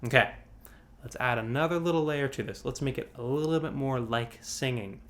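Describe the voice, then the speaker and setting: Teaching breath support in an online singing workshop, this man speaks briskly in a mid-range, somewhat bright voice. His wording rambles loosely and keeps restarting. As a vocal coach on a video call, he demonstrates sighs and sings examples.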